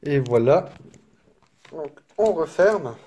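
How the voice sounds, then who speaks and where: A man casually presenting a collector's edition, chatty and apologetic, filling pauses with little interjections. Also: fairly high pitch, lively intonation, dark tone. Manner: unhurried, chatty, filler-heavy with frequent "hop" and "donc"; apologetic and self-deprecating. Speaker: unboxing video creator. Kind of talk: casual unboxing commentary. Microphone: camera mic, filming one-handed.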